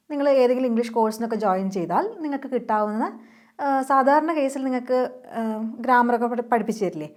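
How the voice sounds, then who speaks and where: A woman with a Malayali accent teaches English in a relaxed, chatty way. She breaks each point into small steps, slows down to model example phrases, and keeps asking her learners whether they follow. Her voice sits a little high. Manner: chatty, explains step by step and checks in with learners. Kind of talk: casual online lesson.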